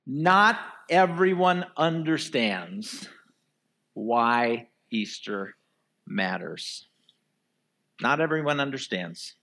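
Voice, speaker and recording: Male pastor, mid-pitched, earnest sermon delivery, keeps asking the church rhetorical questions. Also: expressive, drawn-out words, long pauses, pushed and bright. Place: church before a live congregation.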